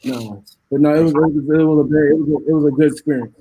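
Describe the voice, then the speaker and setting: A man from Cameroon chatting casually on a livestream, easygoing and quick, often repeating himself. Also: fairly high pitch, fairly even intonation, mellow, slightly rough, low-quality recording.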